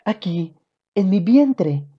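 A woman reading aloud, voicing a gentle, cheerful young mother in a children's storybook with a sweet, sing-song manner. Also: medium pitch, very animated, slow, husky, full character voice. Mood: tender. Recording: dull lo-fi audio.

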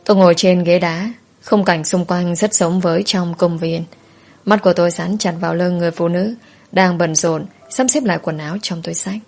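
Woman storyteller, lowish voice, slow hushed first-person telling. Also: fairly even intonation, gravelly, faint music behind.

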